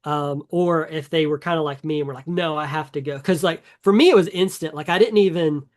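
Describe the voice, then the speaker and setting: A man's voice: fairly high pitch, a little fast. A man co-hosting a casual gaming podcast, talking in an enthusiastic, rambling way with many fillers and restarts. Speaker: podcast co-host.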